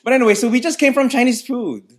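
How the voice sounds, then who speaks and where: A man's voice: extremely high pitch, fast. A man hosting a casual group podcast, giggly and rambling as he chats. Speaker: podcast host.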